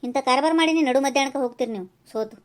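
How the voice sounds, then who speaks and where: A brash, quick-tempered village woman from a cartoon, as a woman puts her on, with a North Karnataka accent. Her voice sits high and she fires off words at a fast clip, combative and scolding. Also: heavy background noise, lightly acted. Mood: indignant. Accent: North Karnataka Kannada. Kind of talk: cartoon voice acting.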